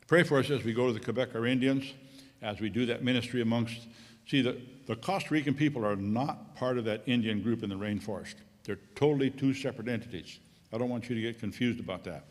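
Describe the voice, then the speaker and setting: A middle-aged man giving a rambling, folksy missionary report to a church congregation, coughing now and then. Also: fairly low pitch. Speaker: missionary pilot. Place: church sanctuary. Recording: long church hall reverb.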